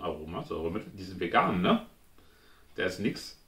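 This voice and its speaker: A man's voice: low-pitched, sing-song, brisk, bright, forceful tone. A man, chatting informally as he hosts a taste-test review, thinking aloud. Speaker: food review host. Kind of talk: casual chat, snack taste-test review. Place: indoors at home, in front of a glass cabinet. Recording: roomy echo, clear background noise.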